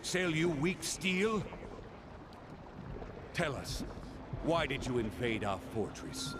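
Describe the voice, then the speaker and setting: A tired old voice, grieving angry dwarf ghost in a game, slow and solemn, noisy rumble behind. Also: male voice, big pitch swings. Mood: angry, accusing. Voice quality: tired, aged voice. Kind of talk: video game voice acting.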